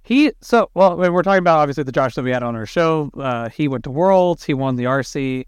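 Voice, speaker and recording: A man's voice: a little high, fairly quick, clean tone, no echo. A man hosting a podcast, chatting casually in slang and swearing, acting out quotes as he tells stories. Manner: animated, slangy, sweary retelling with acted-out quotes. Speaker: podcast host. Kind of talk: casual chat and storytelling.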